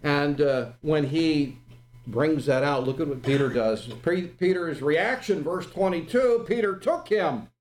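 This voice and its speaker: A man's voice: a little high, animated, measured pace. A man preaching an expository sermon, quoting old-fashioned scripture verses and asking rhetorical questions. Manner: quotes King James verses, rising dramatically on quotes.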